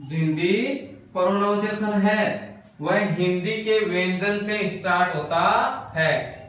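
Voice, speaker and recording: Echoey teacher. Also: male voice, high voice, a bit bright. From India. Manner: explains step by step, repeats key words and asks himself questions. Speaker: English teacher. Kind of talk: classroom lesson explanation. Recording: very echoey room, voice from a distance.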